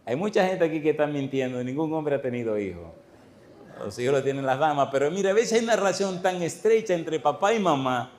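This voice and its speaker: A man's voice: on the high side, a little fast. A middle-aged man, a pastor, preaching a sermon in a church and telling stories with questions to the congregation. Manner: lively storytelling, addressing the congregation with questions.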